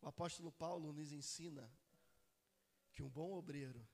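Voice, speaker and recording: A male pastor preaching a live sermon in church, calling out to the congregation and swinging between loud cries and hushed asides. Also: fairly high pitch, moderate pace, gravelly. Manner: calls out to the congregation for responses. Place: church service.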